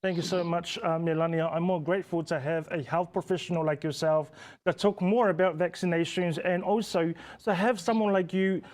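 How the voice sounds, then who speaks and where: Male talk-show host, New Zealand Pacific accent, high-pitched, measured scripted welcomes. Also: fairly even intonation, darkish tone. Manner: formal, welcoming, scripted-sounding intros. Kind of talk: community health talk show hosting.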